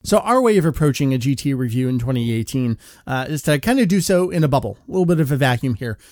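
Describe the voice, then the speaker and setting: A man's voice: mid-range voice, expressive, fast, darkish tone, no echo. A man hosting a podcast in casual chat, upbeat and jokey, with frequent filler words. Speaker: podcast host. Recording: dry close-miked podcast audio.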